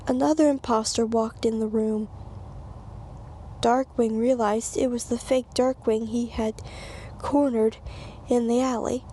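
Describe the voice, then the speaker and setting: A woman's voice: on the high side, gravelly, mellow, slight background noise. A woman reading a children's storybook aloud, stumbling and repeating phrases, with casual asides. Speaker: reader.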